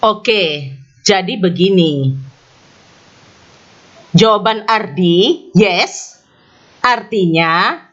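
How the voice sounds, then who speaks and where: A woman narrates a scripted grammar lesson, taking her time and letting her pitch swing widely from line to line. She explains each point carefully and repeats her example sentences. The recording has a slightly muffled, lo-fi sound. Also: fairly bright tone, husky. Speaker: English teacher.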